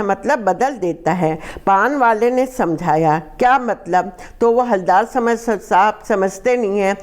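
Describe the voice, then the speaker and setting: A woman's voice: medium pitch, a little mellow. Woman teacher explaining a Hindi text. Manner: reads a line, then rephrases it slowly in simple words. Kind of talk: reading and explaining a Hindi lesson.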